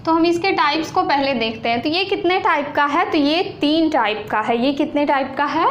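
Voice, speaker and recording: A woman teaching an exam-prep lesson, explaining slowly and repeating points, asking questions and answering them herself. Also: high-pitched, expressive. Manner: slow, repetitive explaining with questions to students. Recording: echoey room with faint noise.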